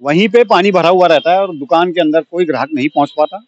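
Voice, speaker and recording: A shopkeeper in his fifties speaks in an aggrieved, sarcastic tone during a street interview, with a voice high for a man. The recording is dull and lo-fi. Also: fast. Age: 50s.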